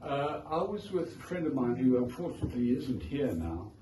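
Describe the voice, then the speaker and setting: With a mellow, sing-song, medium-pitched voice at a moderate pace, a man with a South African accent delivers a casual launch talk for his book. He shares wry, rambling stories to the crowd in an indoor art gallery, heard distantly through echo and noise.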